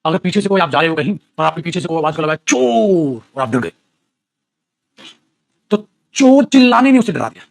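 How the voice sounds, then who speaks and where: Animated male tutor with lively high voice. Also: moderate pace, creaky, long pauses. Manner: animated, teasing, calls students beta. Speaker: English grammar teacher. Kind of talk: classroom grammar lesson in Hindi.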